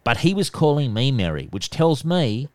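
Nasal man giving calm advice. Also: mid-range voice, normal speed, no room sound. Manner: calm, instructive, repeats "okay". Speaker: debt collection expert. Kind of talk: podcast interview answers.

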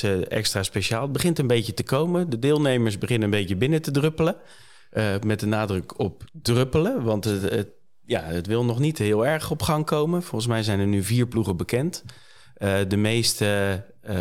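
A Dutch man hosting a casual podcast, talking with many fillers and restarts. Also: on the low side. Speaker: podcast host.

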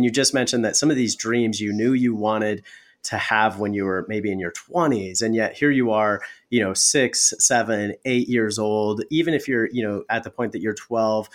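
A man working as an interviewer, speaking conversationally and reflecting before asking follow-up questions. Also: lowish voice.

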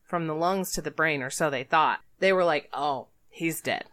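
A woman with a slightly low voice trades sarcastic, wry remarks in a casual podcast chat. The sound is dry and close, with no room echo. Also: fairly quick, a bit bright. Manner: wry, sarcastic, laughs often.

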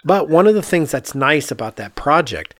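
A man with an American accent, slightly high-pitched and swinging widely in pitch, talks at a moderate pace in a somewhat bright voice over a faint hiss or hum. He's an architect co-hosting a podcast, casually discussing architecture and explaining ideas while thinking aloud.

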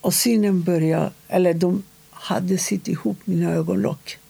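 Gravelly, husky woman telling her story. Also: fairly low pitch, steady tone, mellow, no room sound. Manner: halting, measured telling with short pauses. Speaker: interviewee. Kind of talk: recounting a personal story.

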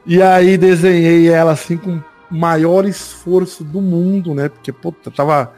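A man on a podcast panel telling a story in casual chat, relaxed and slangy, poking fun at himself. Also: on the high side, a little slow, soft background music. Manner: relaxed, slangy, self-mocking.

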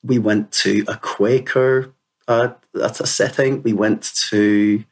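This Northern Irish man in his fifties speaks slowly in a low, husky, steady voice. He's a guest in an interview, earnestly recounting reflective personal stories in a conversational way, with plenty of "you know" thrown in.

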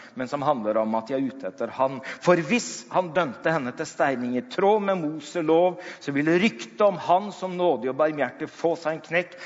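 A man preaching in a dramatic storytelling style, slowing down and dropping low for emphasis. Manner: slows down and drops low for emphasis. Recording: dull sound in a long-echo hall.

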